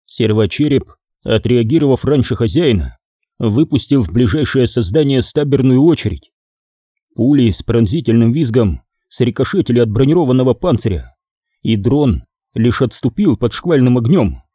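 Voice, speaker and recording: A man narrating a science-fiction battle novel as an audiobook in a measured, even storytelling manner. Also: mid-range voice, breathy edge, no echo, studio quality.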